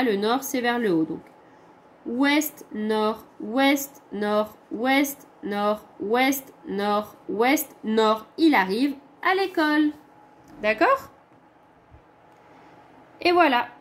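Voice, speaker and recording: French woman, primary teacher; slow, patient, explains step by step, high voice. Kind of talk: recorded homework correction for pupils.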